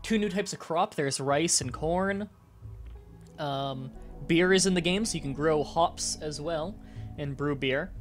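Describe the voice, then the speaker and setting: Congested, higher-pitched man with a nasal strip on. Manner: halting, with pauses to breathe and throat clearing. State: congested, short of breath. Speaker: live streamer. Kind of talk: casual livestream chat to viewers. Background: music.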